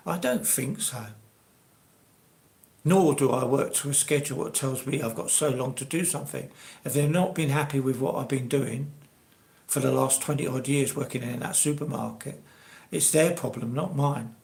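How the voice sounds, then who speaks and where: A man in his sixties with an English accent chats informally to a live audience online. His voice is mid-pitched with plenty of gravelly fry, and he wanders conversationally through his thoughts. The room adds a noticeable echo. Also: normal speed, a little mellow. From England. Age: 60s. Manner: rambling, conversational. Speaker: live stream host. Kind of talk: casual live chat. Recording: roomy, echoey live stream.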